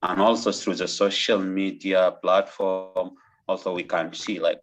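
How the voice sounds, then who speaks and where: A middle-aged man with a Sudanese accent introduces himself in an online interview, earnest and halting, often rephrasing as he goes. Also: low voice, little pitch movement, a little hiss or hum. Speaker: interview candidate, doctoral student.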